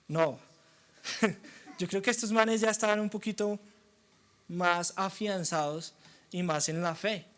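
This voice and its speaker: A young man preaching a sermon, animated and acting out the voices of doubters. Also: high voice. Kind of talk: sermon teaching.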